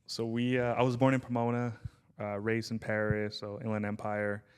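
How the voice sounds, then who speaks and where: A man's voice: lowish voice, monotone, normal speed, clean tone. A man in his thirties from Southern California, a podcast guest telling stories in a laid-back, rambling way and calling people "dude" and "man". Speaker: podcast guest, brand founder. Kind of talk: casual podcast chat.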